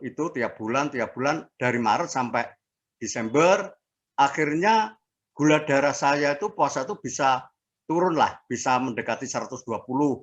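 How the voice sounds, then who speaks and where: A man in his sixties giving a casual personal testimony as an interviewee, speaking haltingly with fillers and restarts. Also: mid-range voice. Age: 60s. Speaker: interviewee sharing a health testimony.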